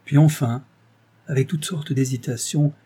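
A man narrating a classic novel as an audiobook, in a measured, expressive reading. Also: a little high, breathy edge.

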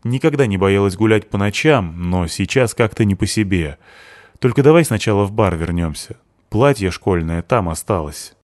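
A man's voice: lowish voice, expressive, normal speed, a little mellow, no room sound, clean studio sound, natural voice. A man voicing a bitter, sarcastic seventeen-year-old schoolgirl in an audiobook. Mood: sardonic. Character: sullen sharp-tongued teenage girl, seventeen.

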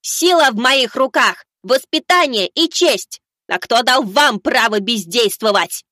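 A man's voice: very high-pitched, lively intonation, normal speed, no echo, clean studio sound, pitched above the performer's own voice, full character voice. Man voicing a furious defiant little boy. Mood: indignant. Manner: indignant, shouting back at authority. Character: defiant furious young boy, stubborn and righteous.

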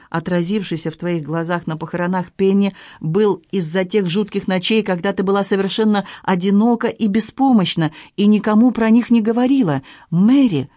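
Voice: mid-range voice, mellow, dry recording, close to an everyday voice. Reader playing an anguished protective lover, emphatic, urgent questions, storybook dialogue, dry close sound. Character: anguished man in love, protective and hurt. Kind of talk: audiobook reading.

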